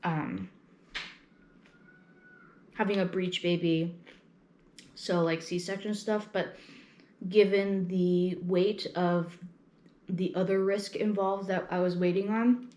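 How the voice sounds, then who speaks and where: A young adult woman vlogging in a casual personal chat, thinking aloud haltingly and often trailing off mid-thought. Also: on the low side, fairly even intonation, darkish tone.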